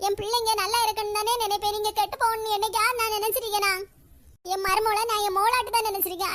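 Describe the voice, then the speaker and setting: A very high, shrill cartoon mother-in-law, played by a performer who wails and plays the martyr in a Kanyakumari Tamil accent. Her voice is bright and piercing, and she is endlessly self-pitying and dramatic. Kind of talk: cartoon voice acting.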